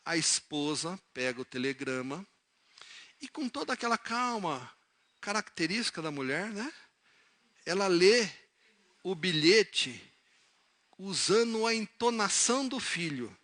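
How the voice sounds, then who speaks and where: A man from the São preaching in a church, his voice high-pitched and bright. He moves from soft, low storytelling into loud, emphatic calls to his listeners. He acts out the characters in his stories as he goes. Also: very animated, measured pace, pauses often. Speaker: pastor. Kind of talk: sermon with illustrative stories. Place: church service, live-streamed.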